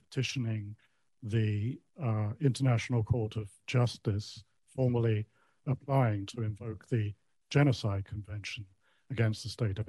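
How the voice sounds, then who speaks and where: Older man, mellow voice, dry sound, hesitant public comment, polite. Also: lowish voice, no echo. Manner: hesitant, many ums and uhs; polite, measured.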